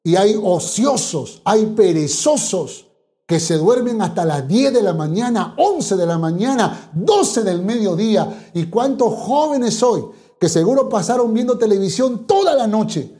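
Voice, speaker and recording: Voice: medium pitch, lively intonation, measured pace, mellow. A pastor preaching a sermon, emphatic, with repeated phrases and many rhetorical questions.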